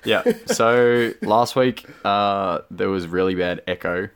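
Deep-voiced young man podcasting from a closet. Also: slow, crowd noise. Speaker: podcast co-host. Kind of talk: casual banter. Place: recording inside a closet.

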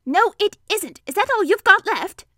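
A woman voicing Piglet, a high, excitable little pig. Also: no room sound, clean studio sound, exaggerated voice. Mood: bright. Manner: brisk, insistent, questioning. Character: small eager piglet, male, earnest and excitable. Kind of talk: children's storybook character voice.

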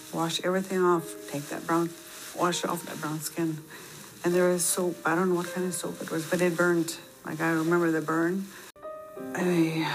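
A woman giving reflective, quiet interview testimony as a residential school survivor. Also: low voice, poor audio.

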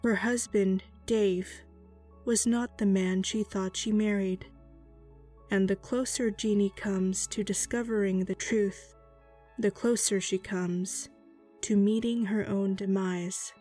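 A woman's voice: medium pitch, steady tone, slow, warm tone, faint music behind. A woman playing a sultry, sinister horror hostess with a teasing, theatrical purr, introducing a scripted podcast tale. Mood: sultry, ominous.

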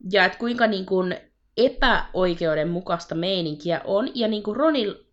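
A young woman talks as a podcast co-host in casual, filler-heavy chat with an exasperated edge. Her voice is mid-pitched. The recording sounds slightly dull and lo-fi. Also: animated.

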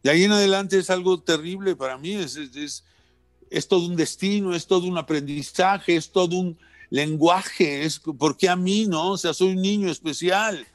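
A man's voice: sits high, moderate pace, no room sound, faint music behind. A man talking earnestly and introspectively about guilt and his past, often repeating words. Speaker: guest. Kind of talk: reflective personal conversation.

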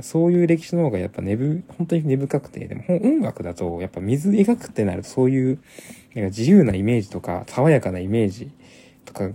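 A man's voice: mid-range voice, warm tone, breathy edge. A young man hosting a casual solo podcast, rambling with many restarts and repeated fillers. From Japan. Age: young adult. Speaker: podcast host.

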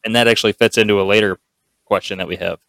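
Man, lowish voice, excitable, filler-heavy, casual podcast chat, dry close mic. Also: fast, creaky, no echo. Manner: excitable, animated outbursts, lots of fillers. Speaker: podcast co-host.

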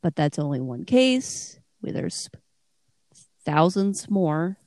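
A woman's voice: low voice, sing-song, slow pace, darkish tone, no room sound. A woman co-hosting a casual podcast, chatting with a giggly, rambling manner and many fillers. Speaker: podcast co-host.

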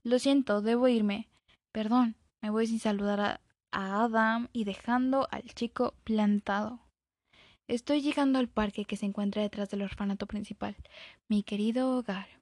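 A woman reads a first-person story aloud in a dramatic, expressive way. She sometimes drops into a whisper. Her voice is mid-pitched, and the recording is dry and close. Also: moderate pace, dry recording.

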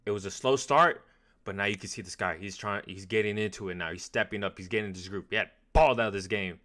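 Man, sports podcast co-host, casual rambling chat, low bright voice, restarts sentences. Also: quick pace.

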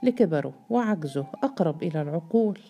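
A gentle, doubting man questions softly and with care, read by a woman. The voice is low and mellow. It is part of a storybook reading. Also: expressive, fast talker, breathy edge, highs cut off, exaggerated voice. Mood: cautious. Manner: soft, careful questioning.

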